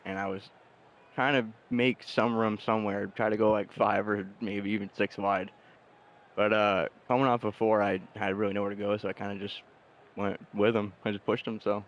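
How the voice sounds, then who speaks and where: Hesitant low-voiced male driver, lo-fi. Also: flat delivery, moderate pace. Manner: hesitant, many uhs and restarts. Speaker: sim racing driver being interviewed. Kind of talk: post-race interview.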